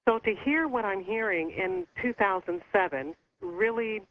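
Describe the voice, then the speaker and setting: A woman calling in to a radio talk show over the phone, speaking earnestly with a concerned, halting manner. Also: mid-range voice. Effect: heard over the phone. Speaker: caller. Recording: muffled phone line with faint hiss.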